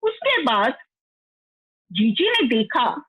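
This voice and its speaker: बच्चों को कहानी सुनाती उत्साही महिला. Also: female voice, high-pitched, very slow, slightly rough. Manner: expressive, playful. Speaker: storyteller. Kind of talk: children's story narration, voicing a cheerful young bee. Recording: tinny phone-like sound.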